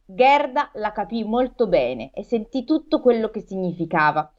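A woman's voice: mid-range voice, expressive, normal speed. A woman co-hosting, reading a fairy tale aloud and breaking off into jokes. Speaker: co-host and reader. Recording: dull lo-fi sound.

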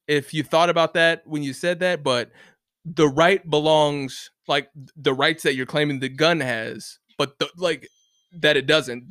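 A man rants in a casual, rambling way, full of restarts, fillers and swearing. His voice sits slightly high for a man. The sound is dry and close, with no room in it. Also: fairly bright tone, no echo. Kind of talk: casual rant to camera. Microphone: close mic, bumped once.

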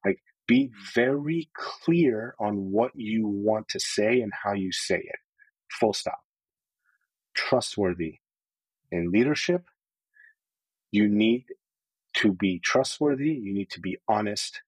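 A man's voice: on the low side, takes it slowly, long pauses, breathy edge, no room sound, poor audio. A man telling his story openly and earnestly as a podcast guest, with many casual filler words. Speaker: podcast guest, sales leader. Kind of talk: candid personal storytelling.

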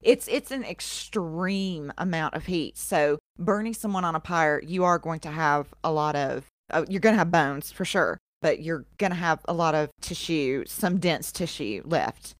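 Lowish-voiced woman telling a story, drawl. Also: a little slow, hardly any pauses, dry recording, studio quality. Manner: casual, profane, laughs often. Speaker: podcast co-host. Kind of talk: casual storytelling chat.

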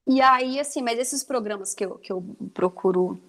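A woman from Brazil in her forties chats casually about family life. Her voice sits a little high, and she keeps dropping small tag questions into her speech. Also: moderate pace, fairly bright tone. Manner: chatty, many fillers like "né". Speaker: mother, conversation guest. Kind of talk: casual chat.

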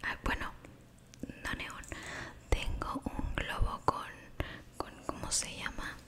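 Softly whispering woman, slow and close. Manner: soft, affectionate, repeats words slowly. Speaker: ASMR creator. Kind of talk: whispered ASMR talk to the viewer. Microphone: close sensitive microphone.

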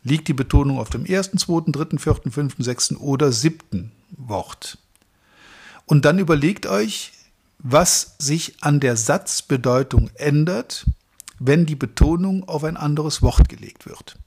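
A man's voice: a little high, animated, measured pace, darkish tone, husky. A middle-aged man from Germany giving a motivational training talk to salespeople, speaking to them directly and stacking up long lists of verbs.

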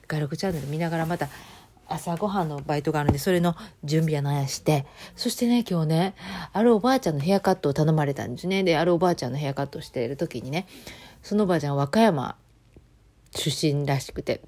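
A woman with a Kansai accent hosting her own channel, chatting casually and telling stories in a lively, conversational way. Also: low-pitched, fast talker. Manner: chatty storytelling, acting out quoted voices. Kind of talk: casual chat.

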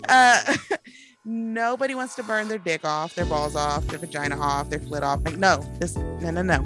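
A woman's voice: sits low, normal speed, over music. A woman co-hosting a podcast in casual chat, blunt and profane, laughing often. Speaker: podcast co-host.

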